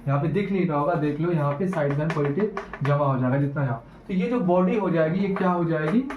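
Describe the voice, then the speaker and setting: A man teaching a physics class, and his voice sits a little high. He repeats himself and keeps checking whether the students follow. The sound is muffled and echoes around the classroom. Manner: repetitive, asks students questions. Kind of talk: classroom lecture with demo. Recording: echoey room, muffled lo-fi, faint noise.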